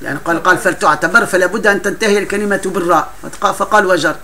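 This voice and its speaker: A man's voice: high voice, steady tone, very fast, pushed and bright. A man teaching a classroom grammar lesson, explaining patiently with frequent laughs and broken-off restarts.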